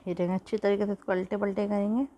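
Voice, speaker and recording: A woman's voice: medium pitch, level tone, fast, highs cut off, very noisy. A woman, chatting through a home cooking tutorial and often checking in with "theek hai.". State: sore throat, coughing. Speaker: cooking channel host. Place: home kitchen. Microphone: phone.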